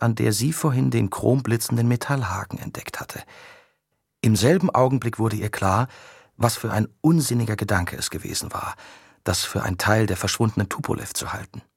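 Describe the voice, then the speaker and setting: A man reading an audiobook with steady, even storytelling. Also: on the low side, gravelly, husky, no room sound, studio quality. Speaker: narrator. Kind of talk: scripted audiobook narration.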